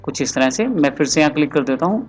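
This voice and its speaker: Over faint background music, a man records a fast, animated desktop-mic voice-over for a software screen recording, addressing the viewer directly as he explains every step. His pitch sits a little high for a male voice.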